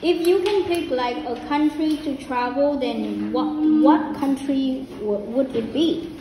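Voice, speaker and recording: A woman's voice: high-pitched, measured pace. A woman, an English teacher, interviewing a student for speaking practice and patiently rephrasing her questions. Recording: echoey room with crowd noise.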